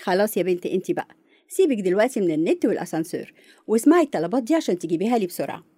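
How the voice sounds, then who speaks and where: A woman's voice: mid-range voice, sing-song, very fast, warm tone, breathy edge, dry recording, clean studio sound. An actress playing a refined, bossy lady of the house who lives alone, with an Egyptian accent. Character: prim, lonely middle-aged lady of the house.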